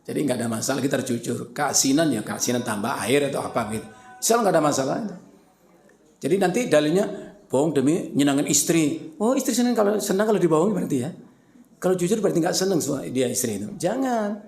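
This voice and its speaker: A man's voice: on the high side, lively intonation, fast talker, creaky, darkish tone. A male preacher giving a playful, conversational sermon to women, speaking to them directly. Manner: joking, playful, addresses listeners directly. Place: mosque. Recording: roomy echo.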